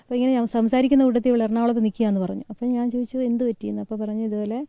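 A woman from Kerala recounting a friend's troubles to a reporter, halting often with fillers and restarts. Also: fairly high pitch, fairly even intonation, dark tone, dry recording. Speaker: friend giving an interview.

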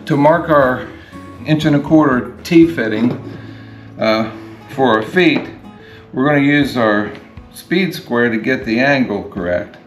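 A retired DIY workshop host in his sixties gives a hands-on how-to demonstration, explaining a project step by step while he works. His voice is plain, unhurried, and mid-pitched, echoing around a garage as guitar music plays clearly in the background.

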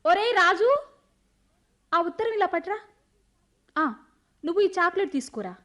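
An actress playing a bold, scheming young village woman in love, who talks in a teasing, lively way in a radio play. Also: extremely high pitch, moderate pace, faint music behind.

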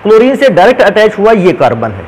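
A man's voice: high-pitched, big pitch swings, fast, darkish tone, slight background noise, rough recording. A man teaching a chemistry lesson step by step, calling his students "beta" as he works through examples. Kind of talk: whiteboard lesson.

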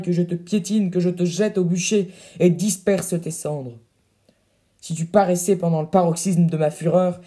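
Reading an audiobook in his natural voice, a man plays a swaggering, pompous captain who boasts in grand, puffed-up phrases and rants furiously. His voice sits high yet sounds dark and mellow.

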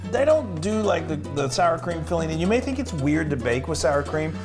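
A man's voice: a little high, sing-song, brisk, over music. A man hosting a casual cooking demonstration, chatty and enthusiastic, often trailing off and restarting his sentences. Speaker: cooking show host.

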